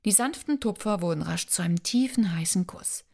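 A woman reads a romance novel aloud in calm, measured storytelling. Her voice sits somewhat low for a woman and stays steady and unhurried. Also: gravelly. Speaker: audiobook narrator. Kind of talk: scripted narration.

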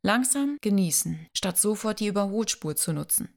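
A woman voicing a gentle, playful young man in love, reading his lines softly in an audiobook. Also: medium pitch, animated, normal speed, vocal fry. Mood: tender, teasing. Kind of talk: audiobook dialogue.

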